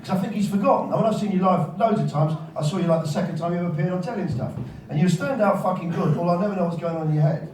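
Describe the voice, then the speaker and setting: A man's voice: high-pitched, racing, few pauses, darkish tone. A man interviewing casually on stage in a rambling, matey, sweary way. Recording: very echoey, distant, crowd in venue.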